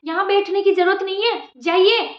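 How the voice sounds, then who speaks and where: A woman's voice: extremely high pitch, steady tone, normal speed. A woman playing a curt, sarcastic younger daughter-in-law who scolds her mother-in-law, in an amateur family drama. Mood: scolding. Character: sharp-tongued younger daughter-in-law, spiteful. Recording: echoey room, dull lo-fi sound.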